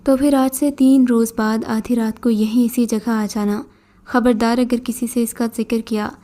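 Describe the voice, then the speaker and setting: A scornful old jinn in a beggar's guise, mocking and bossy, as a woman storyteller reads him. The voice sits fairly high and mellow. It sounds like a storybook being read aloud. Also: flat delivery, lightly acted. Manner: scornful, commanding.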